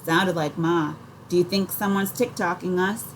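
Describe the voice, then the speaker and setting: A woman's voice: fairly low pitch, normal speed, a little hiss or hum, lightly acted. A woman voicing a bossy older boy who talks bluntly and scolds.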